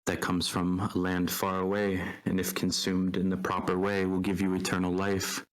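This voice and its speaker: A man voicing a male traveler from a faraway land who tries to sell a pile of leaves with a persuasive sales pitch. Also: monotone, normal speed, close to an everyday voice, low-quality recording. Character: smooth-talking male traveler peddling leaves.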